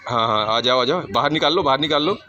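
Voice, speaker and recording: A man's voice: mid-range voice, animated, quick pace, sharp tone, dull audio. A man coaching children through a game, calling out instructions and encouragement. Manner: encouraging, calls out instructions and praise. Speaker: teacher. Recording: clearly noisy outdoor recording.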